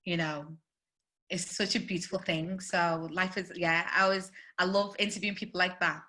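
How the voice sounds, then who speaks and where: A woman with a Scouse accent tells her stories over a video call. Her voice is bright and ringing, and she is animated and quick to laugh as a webinar guest. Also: on the low side. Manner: animated storytelling with frequent laughter. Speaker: guest journalist and presenter.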